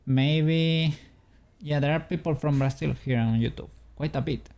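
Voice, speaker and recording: A fairly high, slightly mellow voice, a little slow, comes from a Spanish man with a Spanish accent who is streaming his 3D modeling work. He chats casually with viewers, rambling, taking questions from chat, and chuckling often.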